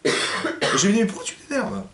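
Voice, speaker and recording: This is a man teaching Torah as a rabbi in a lively, interactive session at a community hall. Animated and quick-paced, he dramatizes little scenes and quizzes his listeners over a noisy background, captured from afar in an echoey room.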